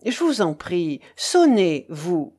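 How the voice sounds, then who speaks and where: A woman's voice: fairly low pitch, sing-song, slow, slightly rough, heavily acted. A woman doing a boorish, mocking young lout. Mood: brusque mocking. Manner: brusque, loud, mangles French on purpose. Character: tall, boorish, cynical young man.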